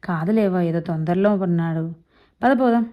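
A woman voicing a mild husband who gently coaxes and reasons. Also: fairly low pitch, normal speed, muffled recording, lightly acted. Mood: coaxing. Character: mild, soothing middle-aged husband.

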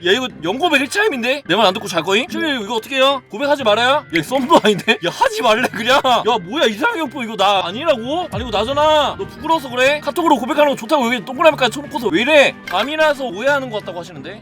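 Young man, streamer, playful, fast talker, clear music in the background. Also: very high-pitched, big pitch swings, fairly bright tone. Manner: playful, joking, narrates his own moves. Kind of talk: casual live-stream chat.

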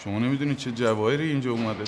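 An actor playing a male inmate who flatters a newcomer in an ingratiating, smooth-talking way. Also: medium pitch, a little hiss or hum, lightly acted. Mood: sly.

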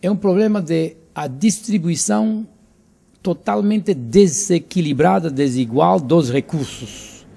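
Older Cuban man, gravelly and husky. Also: on the high side, unhurried, warm tone. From Cuba. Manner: earnest, emphatic, repeats and restarts words. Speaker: interviewee, author. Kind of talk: interview answers. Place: living room, indoors. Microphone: handheld mic held by interviewer.

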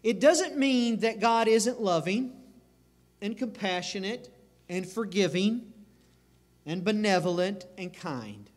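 A man's voice: high voice, expressive, takes it slowly. A man preaching a sermon as pastor, earnest and emphatic, circling back over phrases. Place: church sanctuary. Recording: reverberant church sanctuary.

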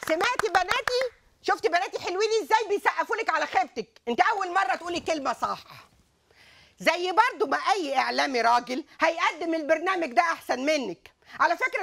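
A woman's voice: very high voice, animated, fast talker, creaky, fairly bright tone, exaggerated voice. An actress with an Egyptian accent playing a self-important, indignant middle-aged woman prison warden and mother in a TV comedy series. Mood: mocking. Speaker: police brigadier, prison warden. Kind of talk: TV comedy drama acting.

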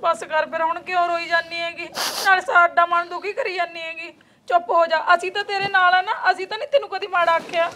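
An actress playing a caring sister-in-law who comforts and insists. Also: female voice, very high voice, fairly even intonation, fairly quick, bright, forceful tone.

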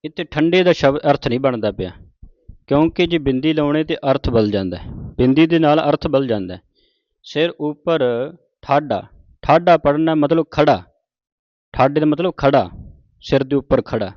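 A man teaching scripture pronunciation, reciting verses slowly and breaking off for quicker asides on spelling. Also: fairly high pitch, lively intonation, no echo. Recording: dull, dry lo-fi recording.

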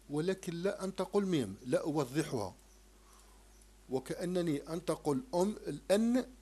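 A man teaching a primary-school French lesson, slowly sounding out syllables and repeating them. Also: on the high side, dark tone, breathy edge. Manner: slow, repetitive, sounds out syllables.

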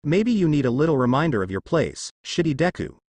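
A man's voice: fairly high pitch, big pitch swings, brisk, no room sound. A man voicing an aggressive, mocking young bully in a narrated fan story. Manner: yelling, mocking. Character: angry spiky-haired bully boy, mocking and aggressive.

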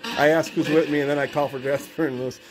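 Higher-pitched man, casual rambling vlogger. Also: fairly even intonation, fast, music in the background, rough recording. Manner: informal, rambling, talks to himself. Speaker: video host. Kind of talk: casual vlog narration with questions called out to spirits. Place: indoors by a window in a room. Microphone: handheld camera, speaker off screen.

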